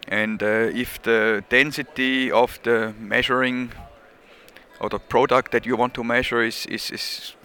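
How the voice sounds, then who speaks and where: Speaking unhurriedly, a man from Switzerland with a Swiss accent, not a native English speaker, discusses his product in a casual trade-show interview, hesitant and full of fillers and restarts. His medium, level voice is pushed, bright, clear and resonant.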